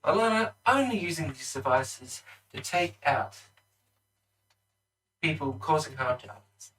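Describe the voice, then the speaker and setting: Slow-paced male game master. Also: a little high, animated, fairly bright tone, distant mic, slight background noise, poor audio. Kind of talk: narrating a tabletop game.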